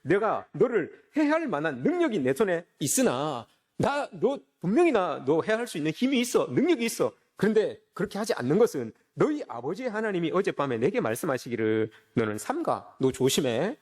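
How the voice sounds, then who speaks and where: A preacher voicing a blunt, boastful uncle. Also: male voice, high voice, big pitch swings, fairly quick, hardly any pauses, a little mellow. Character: proud, blunt older male uncle.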